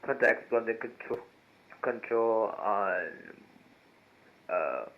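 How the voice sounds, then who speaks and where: A man's voice: lowish voice, moderate pace. A man, an airline pilot, reading back instructions over aircraft radio. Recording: tinny phone-like radio transmission.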